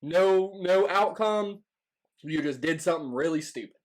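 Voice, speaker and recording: A man with a somewhat high voice hosts a casual challenge vlog. He speaks informally and tends to repeat phrases for emphasis. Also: animated, unhurried. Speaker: host of a hot wings challenge.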